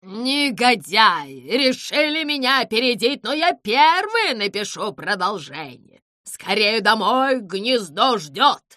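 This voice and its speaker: A woman voicing a grumpy, quick-tempered female owl who talks in loud, exasperated outbursts. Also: mid-range voice, expressive, no echo, clean studio sound. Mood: indignant.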